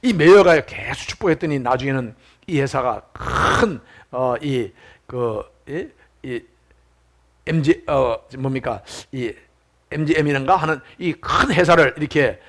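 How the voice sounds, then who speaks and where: A man preaching a sermon as pastor, telling stories with lively acted-out quotes. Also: medium pitch, a little slow, creaky. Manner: animated storytelling, acts out shouted quotes.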